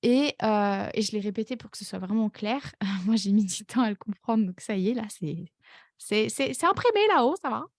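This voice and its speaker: A woman podcast host and life coach talking casually about her own life, full of fillers and quick self-corrections. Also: mid-range voice, a little mellow, no room sound, studio quality. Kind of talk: casual personal podcast monologue.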